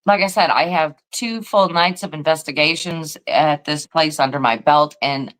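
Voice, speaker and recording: A woman's voice: low-pitched, moderate pace, a bit bright, rough recording. A tired woman co-hosting a paranormal podcast, telling a rambling story full of fillers and restarts. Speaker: podcast co-host and paranormal investigator. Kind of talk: casual chat.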